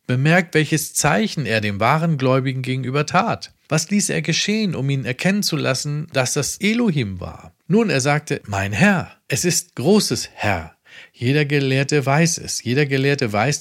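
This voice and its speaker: A man preaching a sermon emphatically, with sudden loud raised phrases. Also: mid-range voice.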